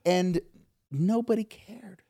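A man on a casual panel chat, telling halting stories that trail off. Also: sits high, warm tone. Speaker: panel guest.

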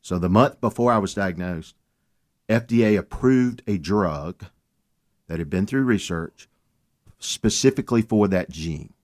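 A man, a guest on a talk radio show, telling his story in an earnest, animated way. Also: on the low side, a little slow. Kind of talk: casual radio chat.

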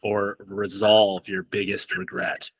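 Male co-host, mid-pitch, playful and jokey, firing off quick would-you-rather questions. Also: completely flat delivery, poor audio. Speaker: podcast co-host. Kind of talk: casual interview chat.

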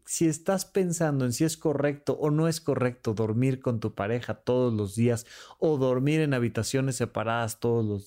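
The speaker is a podcast host, a man musing casually on relationships while voicing bickering partners in quick snippets. He stays animated throughout, his pitch rising and falling widely.

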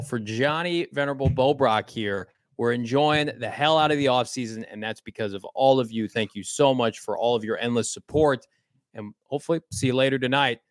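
A man's voice: medium pitch, no echo, clean studio sound. A man co-hosting a live sports podcast, chatting casually in an upbeat, folksy way. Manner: upbeat, folksy sign-offs. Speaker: podcast co-host.

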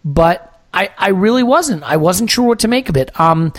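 A podcast host breaking down a football match in measured, thoughtful casual talk with frequent small restarts. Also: medium pitch, animated, dry recording.

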